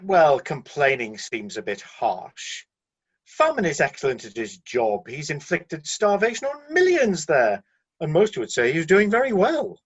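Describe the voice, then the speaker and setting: In a satirical radio play, an actor voices a husky, defensive celestial middle manager who breezily justifies the staff in corporate terms while mildly flustered. The medium-pitched voice is a little slow and swings lively in intonation, and the recording is slightly dull.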